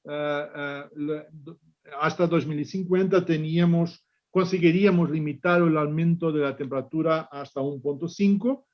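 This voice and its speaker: Male conference speaker, native Portuguese, accented Spanish blended with Portuguese, fairly high voice, halting repetitions, slightly dull audio. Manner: mixes Spanish with Portuguese words and grammar; halting, repeats words while searching for phrasing. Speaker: conference speaker, business executive. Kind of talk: unscripted conference presentation.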